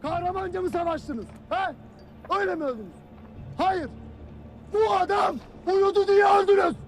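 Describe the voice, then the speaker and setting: An actor playing a stern, bitter army commander who scolds his soldiers in a film drama, cutting and repetitive, shouting his orders. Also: very high voice, expressive, normal speed. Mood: furious, shouting. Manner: harsh, cutting, repeats himself and shouts orders.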